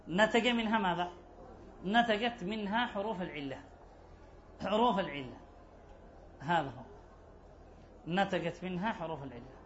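In a dull, lo-fi recording with slight background noise, a man with a high-sitting, somewhat bright voice gives an Arabic grammar lesson. He asks his class rhetorical questions and repeats the key phrases.

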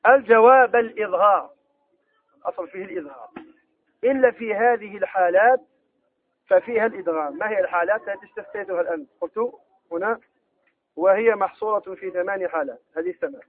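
A man teaching a Quran recitation lesson, explaining rules with questions to his students and reciting the examples slowly. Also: sits high, narrow, tinny audio. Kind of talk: tajweed lesson.

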